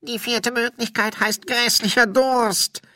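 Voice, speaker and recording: A man's voice: extremely high pitch, steady tone, slow pace, sharp tone, no room sound, studio quality, pitched above the performer's own voice, full character voice. Man doing a whining drunken male ghost. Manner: whining, self-pitying.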